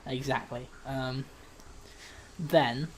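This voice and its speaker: A man's voice: mid-range voice, fairly even intonation, extremely slow, a little hiss or hum. A man co-hosting a casual podcast, talking in a hesitant way with lots of ums and restarts. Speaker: podcast co-host.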